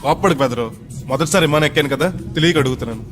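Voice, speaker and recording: An actor playing a naive, middle-aged village man on his first flight, loud and rustic, mangling English words. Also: fairly high pitch, rapid-fire, close to an everyday voice. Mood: chatty. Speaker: actor in a film comedy scene. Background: film background music.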